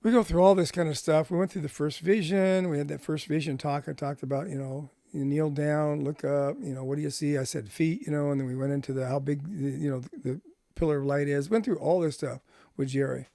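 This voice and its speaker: A man's voice: on the high side, fairly even intonation, brisk, creaky, warm tone, no echo, studio quality. A middle-aged man telling a personal testimony story, acting out both sides of old conversations. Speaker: ministry speaker.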